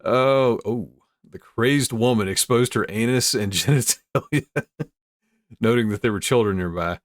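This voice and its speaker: A man's voice: medium pitch, measured pace, no echo, studio quality. A man hosting casually, reading news aloud with amused commentary. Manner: amused, easily breaks into chuckles. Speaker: host.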